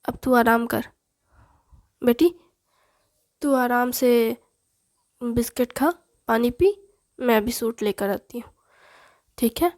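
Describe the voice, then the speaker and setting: A woman voicing a bossy, loud middle-aged mother who scolds and teases her children. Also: fairly high pitch, takes it slowly, pauses often. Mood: scolding. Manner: scolding, teasing, commanding.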